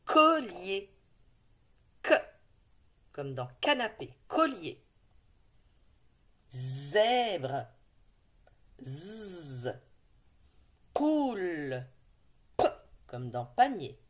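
Teacher, female, low-ish lively voice, slow and encouraging for young readers. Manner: slow, clearly articulated, encouraging. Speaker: primary school teacher. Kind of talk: slow reading lesson for young children.

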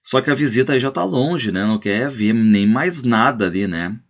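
A male literature teacher reading a short story aloud and explaining it in a relaxed, conversational way. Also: medium pitch, normal speed. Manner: explanatory, frequent tag questions. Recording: slightly muffled lo-fi recording.

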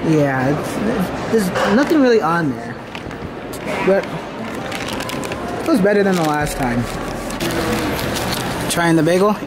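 A man's voice: on the high side, expressive, slow, long pauses, very noisy. A young man from Canada chatting offhand and teasing as he vlogs a trip into a handheld camera. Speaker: vlogger. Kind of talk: casual vlog narration. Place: stores, car and shopping mall.

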